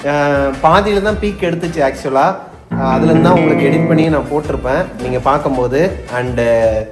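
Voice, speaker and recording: A man's voice: fairly high pitch, brisk, over loud music. A man explaining a prank and signing off a vlog in a playful, boisterous way. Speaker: prank planner. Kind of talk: casual vlog chat and outro. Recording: echoey room.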